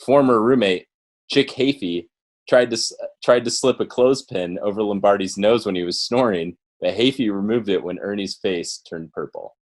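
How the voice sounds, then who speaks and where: A low-pitched, old-timey baseball newsreader straight out of the 1940s, as a podcast host puts him on. He reads a period sports story aloud with theatrical, drawn-out emphasis. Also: close to an everyday voice.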